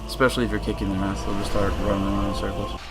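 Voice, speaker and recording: A man's voice: on the low side, little pitch movement, rapid-fire, loud music behind the voice. A young man rambling casually through a voice-over commentary on his own game footage, with lots of fillers and restarts. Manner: rambling and laid-back, with many fillers and restarts.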